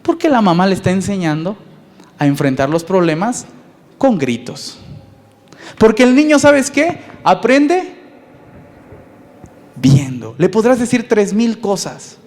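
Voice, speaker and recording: A man with a Mexican accent preaching a sermon as pastor, lively and conversational, asking his listeners questions. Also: high voice, unhurried, long pauses. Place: church. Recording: long reverb in a church hall.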